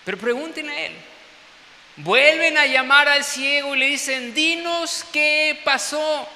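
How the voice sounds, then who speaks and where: A middle-aged man preaches in a lively storytelling way, often checking in with his listeners. His voice is high and very bright. It echoes with long reverb in a church hall, with a faint hiss underneath. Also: normal speed. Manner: storytelling, animated, peppered with tag questions. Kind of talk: sermon.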